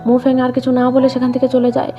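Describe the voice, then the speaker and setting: A woman narrating a drama recap in a scripted storytelling read, voicing the quoted lines in her same even narrating voice. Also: high-pitched, fast talker. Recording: dull lo-fi voice-over with background music.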